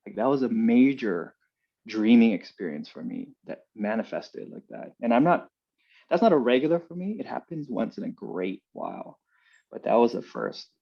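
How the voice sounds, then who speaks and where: Gravelly-voiced man telling stories. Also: medium pitch, moderate pace. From Hawaii. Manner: relaxed, earnest, heavy on fillers. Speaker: guest. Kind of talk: personal storytelling in an interview. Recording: dull lo-fi sound.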